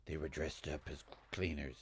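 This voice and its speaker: A man's voice: a bass voice, steady tone, moderate pace, husky. A man chats over a video game. His commentary is casual and jokey, like banter with a friend. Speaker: gamer commentating on a playthrough.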